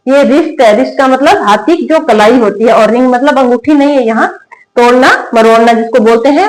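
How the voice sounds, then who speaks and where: Woman drilling spelling rules, higher voice. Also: rough recording. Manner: repetitive call-and-response drilling, asking and answering her own questions. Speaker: English teacher. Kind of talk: spoken English lesson in Hindi.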